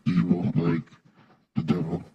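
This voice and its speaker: A man chatting casually and rambling, his voice run through a demonic voice changer and heard over a muffled, lo-fi line. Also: completely flat delivery. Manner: rambling, quick, loose filler words. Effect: deep demonic voice changer. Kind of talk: casual chat. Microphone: headset mic played through speakers. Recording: muffled lo-fi line with faint noise.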